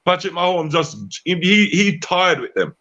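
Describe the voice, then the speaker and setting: A man calls in to argue football over a line that keeps breaking up and cutting out. His voice is bright and edgy, and the sound is dull and lo-fi. He talks in short, punchy, emphatic bursts. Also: high voice, big pitch swings, unhurried. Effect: choppy call line that keeps breaking up. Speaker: call-in football analyst. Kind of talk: casual sports debate. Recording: dull lo-fi call audio.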